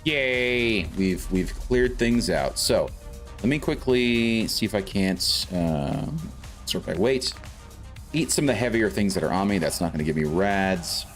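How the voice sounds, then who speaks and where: Fairly low in pitch but lively in intonation, this man keeps a measured pace. He's a South African streamer giving casual, rambling gameplay talk and thinking aloud, backed by faint game music.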